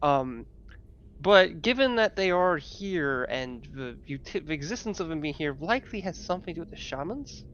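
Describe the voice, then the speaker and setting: A man's voice: on the high side, expressive, moderate pace, a bit bright, highs cut off, slight background noise. A man narrating a tabletop game as game master, improvising in a hesitant, self-correcting way.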